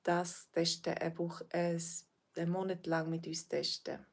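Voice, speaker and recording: Her voice is lowish, flat in tone, and slightly slow. She's a woman from Switzerland with a Swiss accent, a language teacher responding to viewers on a livestream in a kind, hesitant manner full of fillers.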